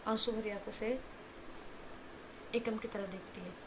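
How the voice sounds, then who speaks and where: A woman's voice: medium pitch, steady tone, a little slow, noisy background. A woman narrating a love story in a casual, chatty way with asides to listeners.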